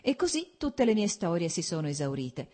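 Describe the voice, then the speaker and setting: Woman reading as a lively, graceful young noblewoman. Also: on the low side, moderate pace. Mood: warm, playful. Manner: polite, lightly playful.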